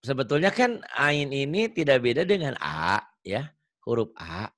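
A man's voice: medium pitch, very animated, unhurried, fairly bright tone. A male Quran reading teacher giving an online tajwid lesson, patiently explaining and repeating letter sounds.

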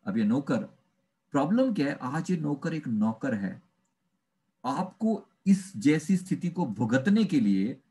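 A man, a life coach, giving a spiritual motivational talk and acting out little dialogues as he goes. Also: medium pitch. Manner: animated, acts out dialogue, mixes in English phrases.

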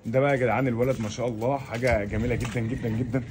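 A young man with an Egyptian Arabic accent, talking to his viewers in a chatty, excitable vlog while outdoors on a rooftop. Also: medium pitch, very fast, noisy background. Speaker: vlogger. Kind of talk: casual vlog narration to viewers.

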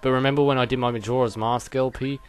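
A man's voice: mid-range voice, steady tone, fast talker, clear, resonant tone. A man giving casual let's play commentary with joking, rambling asides.

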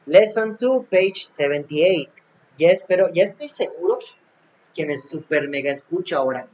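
A man's voice: on the high side, expressive, normal speed, darkish tone, husky. A male teacher recording a class for young pupils, repeating and translating each English phrase. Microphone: recording app, device not seen. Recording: dull lo-fi app recording.

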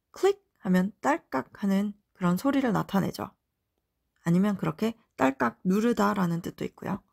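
Gravelly-voiced female English teacher. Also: on the high side, darkish tone. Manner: friendly, explanatory. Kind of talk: lesson narration.

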